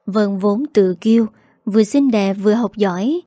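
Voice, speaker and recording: A woman's voice: medium pitch, normal speed, mellow, dry recording, clean studio sound. Woman narrating a family drama story.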